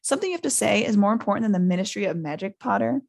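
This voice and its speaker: A woman's voice: mid-range voice, lively intonation, rapid-fire, vocal fry, a little mellow, no echo, clean studio sound. A woman voicing a stern female professor of magic with a cold, curt and formal manner in a storybook reading.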